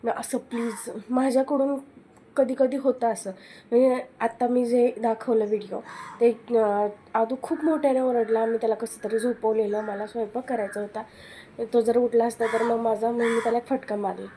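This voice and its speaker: A woman's voice: on the high side, steady tone, moderate pace, dark tone, a little hiss or hum. A young woman with a Marathi accent, talking candidly about her children and advising other mothers in a casual home vlog. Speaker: vlogger and mother.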